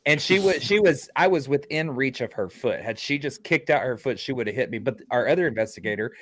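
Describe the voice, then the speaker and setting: A man's voice: mid-range voice, fairly quick, a little hiss or hum. A man, a paranormal investigator, telling a story in casual chat and acting out the quotes with energy. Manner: animated, acts out quotes. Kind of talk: casual storytelling in a remote interview.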